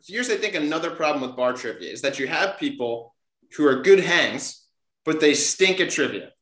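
A man hosting a casual podcast chat, talking in an animated way with laughs, his voice cracking now and then. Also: fairly high pitch, moderate pace, echoey room. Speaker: podcast host.

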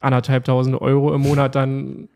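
In a casual podcast interview, this male host heaps enthusiastic, effusive praise on his guest and talks straight to his audience. Even so, his medium-pitched voice is gravelly and a little mellow, delivered completely flat at normal speed.

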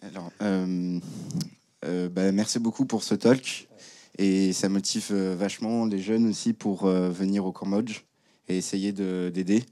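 A man in the audience asking a question in a hesitant, halting way. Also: sits low, fairly even intonation, warm tone.

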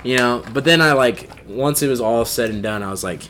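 A man's voice: medium pitch, a little fast, fairly bright tone, slight background noise. A young American man in his twenties hosting a casual podcast with slangy, profane frat-bro talk, full of bro and dude. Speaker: podcast host.

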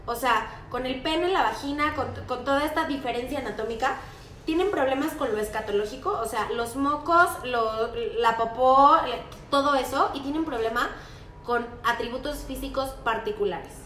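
A woman with a Mexican accent co-hosting a casual chat, telling lively stories and acting out children's voices. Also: high-pitched, normal speed. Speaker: podcast co-host. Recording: echoey room with faint noise.

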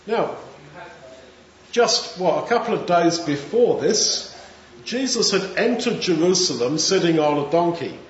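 Preacher man, high and echoey. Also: expressive, measured pace. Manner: conversational, acts out crowd voices. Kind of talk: sermon. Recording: echoey room, dull sound, faint noise.

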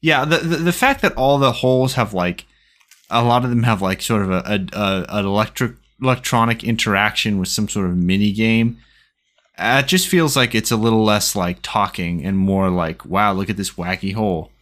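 A man's voice: on the low side, normal speed, fairly bright tone. A young man co-hosting a casual podcast chat, rambling with hesitant restarts. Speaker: podcast co-host.

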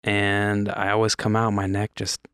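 A man co-hosting a casual podcast, telling stories in a relaxed, easygoing way. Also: fairly low pitch, normal speed, clean tone, no echo, studio quality. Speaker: podcast co-host.

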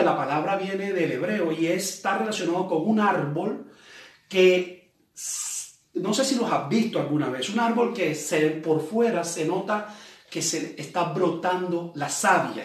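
A man preaches in a relaxed, conversational way, reading verses slowly before unpacking them and often asking his listeners rhetorical questions. His voice sits a little high for a man. He sounds set back from the microphone in a very echoey room. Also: recorded from a distance. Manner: reads scripture aloud slowly, then explains it. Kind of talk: sermon.

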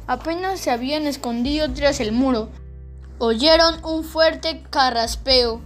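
High-voiced woman narrating a children's book. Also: measured pace, faint music behind.

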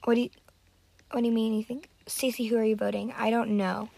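A woman chatting through a video game with excitable, dramatic outbursts. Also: a little high, a little fast, gravelly. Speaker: gamer. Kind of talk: casual gameplay commentary.

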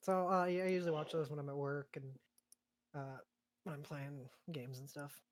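Low-voiced woman with deadpan quips. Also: normal speed, dry recording. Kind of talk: casual chat.

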